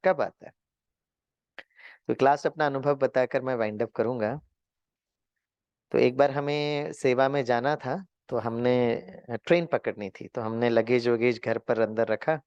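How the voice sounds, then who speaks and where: A man teaching a spiritual class through lively storytelling. He acts out the voices of people in his stories and mixes English words into his speech. His voice sits at a middle pitch and sounds close and dry, with no room echo. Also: muffled recording.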